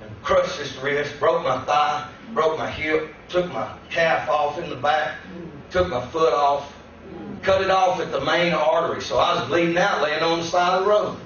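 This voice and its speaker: A man preaching as a guest pastor. He tells a personal testimony that builds into shouted preaching. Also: on the high side, moderate pace, slight background noise. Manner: storytelling that climbs into shouted preaching. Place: church sanctuary. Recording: echoey church room, distant dull mic.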